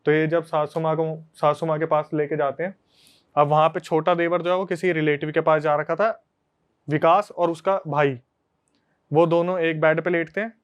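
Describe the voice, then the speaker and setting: Man, podcast host, casual storytelling, animated, conversational, resonant voice. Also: on the high side, normal speed, clean tone. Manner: animated, conversational retelling to friends.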